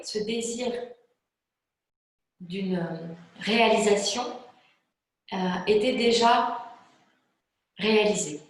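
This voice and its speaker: A woman yoga teacher calmly explaining a guided relaxation method, pausing often with hesitant fillers. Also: medium pitch. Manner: calm, slow, hesitant with frequent fillers. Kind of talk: spoken yoga class introduction. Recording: very echoey room.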